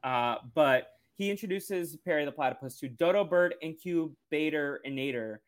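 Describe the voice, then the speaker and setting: A man's voice: on the high side, moderate pace, clean tone. A man co-hosting a podcast, casually recapping a cartoon episode in a loose, rambling way. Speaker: podcast co-host.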